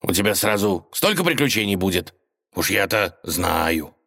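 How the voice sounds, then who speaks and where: A man's voice: low-pitched, very animated, moderate pace, creaky, fairly bright tone, exaggerated voice. A man doing a sleepy grumbling old tsar. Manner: blustering, drowsy. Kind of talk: audiobook character voice.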